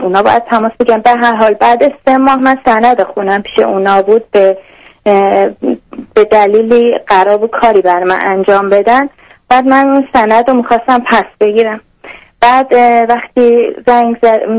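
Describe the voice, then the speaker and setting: A woman calling a radio advice show, talking in a halting, hesitant, apologetic way. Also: a little high, lo-fi sound. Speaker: radio caller seeking advice. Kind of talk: call-in phone conversation.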